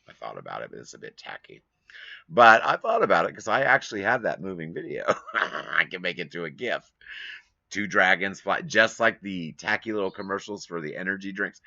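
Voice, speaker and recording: A man's voice: low-pitched, animated, moderate pace, vocal fry, bright, forceful tone, dry recording, highs cut off. A man hosting his own live stream from a home studio, talking casually and rambling as he grumbles at length.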